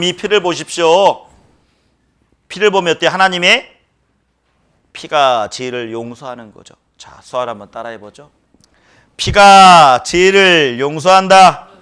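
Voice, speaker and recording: A man's voice: on the high side, fairly bright tone, clean tone. A male pastor preaching a sermon who keeps questioning the congregation and stresses his points emphatically.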